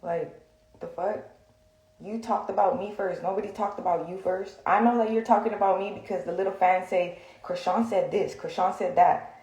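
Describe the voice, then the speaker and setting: Filmed in an echoey room, a young woman who posts on social media delivers a blunt, heated rant at the camera, cursing frequently and filling gaps with "like." Her mid-range voice is fairly quick and darkish in tone, with fairly even intonation.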